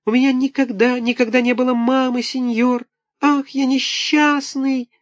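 A tiny wooden puppet boy from a storybook, squeaking far above a normal voice. He whimpers and pleads in a thin, tearful tone. The recording is close and dry. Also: flat delivery, unhurried, no room sound. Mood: pleading whine.

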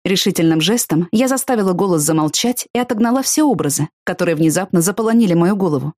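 Expressive woman reading a novel. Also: fairly low pitch, fast, no room sound, studio quality. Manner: expressive, animated in dialogue. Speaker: audiobook narrator. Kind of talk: first-person novel reading.

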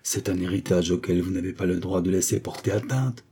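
A man reading the part of a young defense lawyer in an audiobook, questioning his client. The voice is low and mellow with a husky edge. He coaxes and presses with calm patience. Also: fairly quick. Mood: urging. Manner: coaxing, questioning. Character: young male lawyer, probing, patient, gently persuasive.

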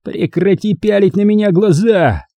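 A man's voice: high-pitched, huge pitch swings, takes it slowly, warm tone, no echo, voice pushed up, heavily acted. A man voicing a bitter, cruel young clan leader in an audiobook, with a harsh, snarling delivery.

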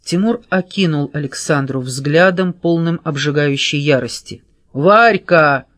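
A woman reading an audiobook novel in a steady storytelling manner. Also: sits low, unhurried, no echo, studio quality. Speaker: audiobook narrator. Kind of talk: scripted narration.

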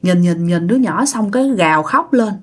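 A woman's voice: fairly low pitch, lively intonation, normal speed. A woman casually telling a ghost story to her listeners, chatty and full of fillers.

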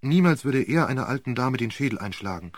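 An eager, devoted maid, as a man reading the story puts her on chats in a quick, lightly lifted manner. The reading sounds dry and close. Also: mid-range voice, animated, no echo, close to an everyday voice. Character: devoted, chatty female office maid.

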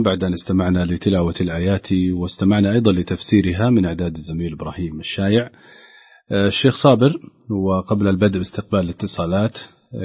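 A man's voice: deep voice, husky, no room sound. A man hosting a radio program, welcoming listeners and introducing a guest with hesitant fillers. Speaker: program host. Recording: dry dull lo-fi broadcast.

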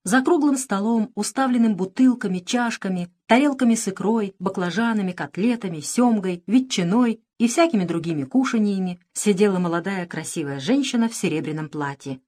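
A woman narrating a children's audiobook in an expressive storytelling manner. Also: mid-range voice, a little fast, few pauses.

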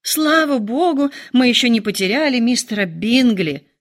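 A high, shrill middle-aged mother, forever fretting and dramatizing her troubles, as a woman reads her out. Her voice leaps up and down in excited complaint, storybook style. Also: moderate pace, natural voice. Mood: fretful.

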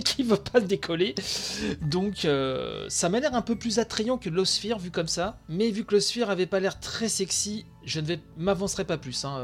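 A tired man with a young son hosting a games channel, giving excited live reaction commentary late at night, with lots of fillers and outbursts. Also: on the high side. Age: adult with young son. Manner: excitable, chatty, many fillers. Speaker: video game channel host.

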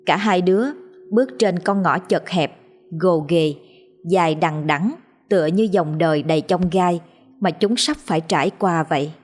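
A woman narrating a story in a measured, expressive reading voice. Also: lowish voice. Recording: soft background music.

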